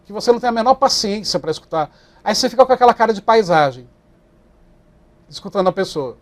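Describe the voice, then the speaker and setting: A Brazilian man teaches a class with a high, bright voice. He talks in an animated way and keeps slipping into short acted-out voices of customers and clerks. He sounds close to the mic. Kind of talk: lively online lecture.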